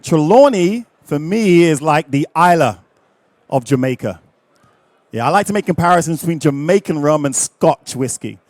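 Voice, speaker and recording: A middle-aged man leading a live rum tasting, lively and jokey, chatting with his audience. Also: a little high, normal speed, no room sound.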